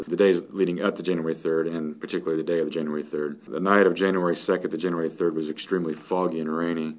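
A man giving a factual interview account as an investigator, in formal procedural police phrasing. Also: sits low. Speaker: sheriff's investigator being interviewed.

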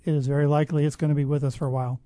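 Mellow-voiced man explaining at length. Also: fairly high pitch, little pitch movement, no room sound. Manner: measured, explanatory, with frequent restarts. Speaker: guest expert on public health. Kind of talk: conversational interview answers.

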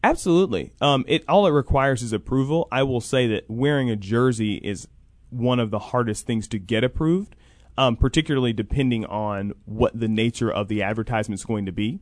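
Speaking a little fast in a mid-range voice, a man guests on a radio talk show as a college athletics program coordinator, laying out lengthy explanations in careful, qualified points. The recording is dry and of studio quality.

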